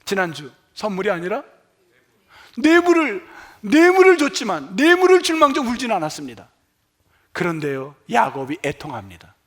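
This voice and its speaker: A man who is a senior pastor, preaching a sermon in a church, swinging from loud to quiet and acting out quoted cries. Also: sits high, huge pitch swings, moderate pace. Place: church sanctuary.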